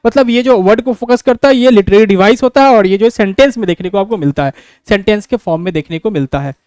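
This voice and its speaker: A man's voice: high-pitched, darkish tone, clean tone, no echo, studio quality. A male teacher with a Bihari Hindi accent, giving an exam-prep lecture on literary devices, asking questions and answering them himself. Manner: explains step by step, asks and answers his own questions; reads English examples slowly.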